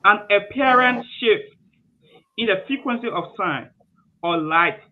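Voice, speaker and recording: Reading quiz questions at a measured pace, this man from Liberia judges each answer with emphasis and says his verdicts more than once. His voice is high with lively intonation, captured in muffled, lo-fi audio with faint noise.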